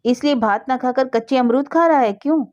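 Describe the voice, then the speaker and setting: A woman's voice: a little high, brisk, dark tone, no echo, pitched above the performer's own voice, lightly acted. A woman voicing a weary, strict young housewife who scolds in exasperation, in a slightly dull recording. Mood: scolding.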